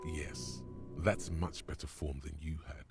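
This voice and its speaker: An actor playing a game's narrator voice, describing grim details in a darkly vivid manner. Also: male voice, very deep voice, fairly even intonation, unhurried, gravelly, music in the background, exaggerated voice. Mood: grim narration. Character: deep gravelly male narrator voice of the detective's mind. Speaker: game narrator.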